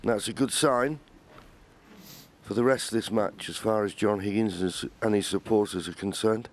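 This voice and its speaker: A man giving measured, understated live snooker commentary as a match commentator. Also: on the low side, steady tone. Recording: crowd and arena noise behind. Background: snooker arena audience ambience.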